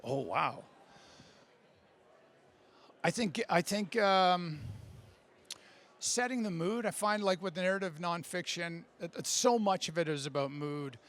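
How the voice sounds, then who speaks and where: Fielding audience questions at a conference writing workshop, a high-pitched Canadian man who makes audio fiction talks in a lively, casual way. His speech keeps halting and restarting as he cuts himself off mid-thought.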